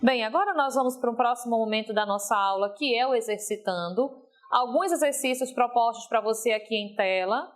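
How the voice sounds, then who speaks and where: A woman teacher giving a recorded video lesson, stretching example words slowly and checking in with a frequent "ok?". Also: fairly high pitch.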